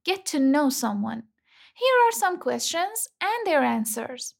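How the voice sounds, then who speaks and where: High-voiced teacher. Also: female voice, very animated, creaky. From Iran. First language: Persian. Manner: slow, careful model phrases for repetition. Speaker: English teacher and host. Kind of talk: scripted language lesson.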